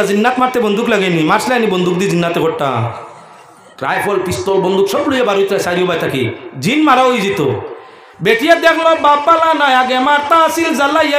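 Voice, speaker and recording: A man preaching a storytelling sermon with a Sylheti accent, animated and breaking into raised shouts. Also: very high voice, roomy sound. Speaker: Islamic preacher.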